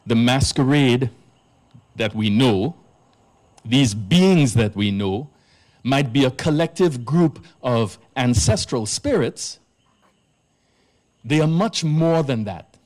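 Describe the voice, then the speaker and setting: A man delivers a public talk as a priest, speaking at an unhurried, measured pace. His voice sits at an ordinary middle pitch, and he leans hard on the words that matter. It is an earnest lecture given live at an arts centre. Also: lively intonation, darkish tone. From Trinidad. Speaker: priest giving a presentation.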